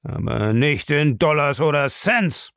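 Male reader doing bulky old bully, loud and raised, gravelly, audiobook. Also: a little high, lively intonation, measured pace, dry recording, studio quality, voice pushed up. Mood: roaring. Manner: bellowing. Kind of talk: audiobook reading.

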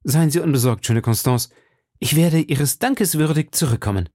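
A man's voice: a little high, animated, normal speed, mellow, no echo, studio quality, pitched above the performer's own voice. A man voicing an ardent, gallant young musketeer in a read-aloud storybook, making fervent declarations.

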